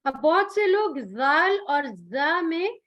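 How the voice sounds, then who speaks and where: Female recitation teacher, high and slow, patient explainer who lingers on each letter sound. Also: very animated, a bit bright, muffled recording. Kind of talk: tajweed pronunciation lesson.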